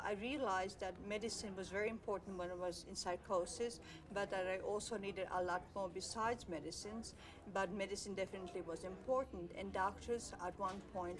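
A woman's voice: mid-range voice, low-quality recording. Earnest older woman from Croatia. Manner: earnest, with frequent pauses and fillers. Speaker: mental health advocate. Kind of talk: speaking to camera in a filmed interview. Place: studio with blue backdrop.

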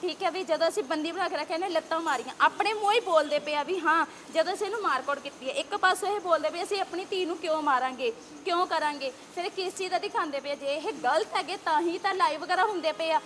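Young punjabi woman, very high voice, heated and insistent, faint street noise behind. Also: a bit bright. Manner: agitated, insistent, rapid rhetorical questions. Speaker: interviewee.

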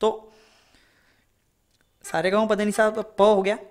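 An unhurried male music teacher with a high voice and little pitch movement teaches a casual flute lesson. He chats and rambles, veers into advice, and frequently asks his students "ठीक है?"

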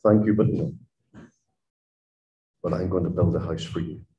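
God as a soft, hushed, kindly male deity turning someone down tenderly, as a man puts him on in a sermon. The voice sinks lower and quieter than the surrounding preaching. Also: a little fast, lo-fi sound, lightly acted. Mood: gentle.

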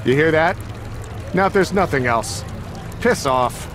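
An actor playing a menacing, hot-tempered older gang boss in a video game, theatrical and sneering. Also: male voice, fairly high pitch, animated, unhurried, background noise. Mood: mocking. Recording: loud music behind. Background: loud game music.

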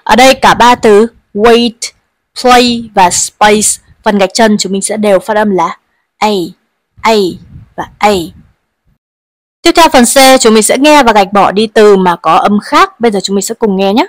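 A woman's voice: mid-range voice, unhurried, dry recording. A woman teaching an English lesson to pupils, patiently explaining each word and leading them to repeat after her.

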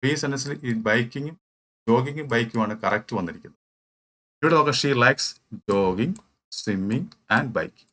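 A man's voice: mid-range voice, lively intonation, a little slow, pushed and bright. A man with a Malayali accent teaching English grammar for an exam, explaining step by step and answering his own questions. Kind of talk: exam-prep lecture.

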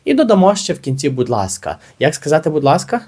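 A man teaching an English lesson, explaining with energy and saying the model phrases slowly and carefully. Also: fairly high pitch, big pitch swings, a little mellow, breathy edge.

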